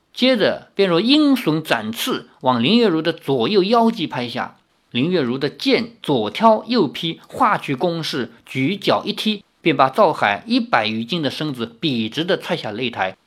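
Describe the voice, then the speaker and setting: A narrator reading a martial-arts novel aloud in an animated storytelling manner. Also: mid-range voice. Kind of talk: audiobook reading of a wuxia novel.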